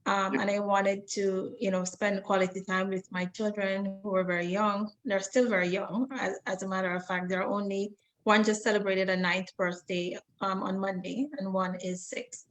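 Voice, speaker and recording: A woman's voice: medium pitch, flat delivery, moderate pace, few pauses, rough recording. A woman, from the Bahamas and Jamaica, speaking steadily and articulately as an interview guest. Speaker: guest graduate. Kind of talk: conversational interview.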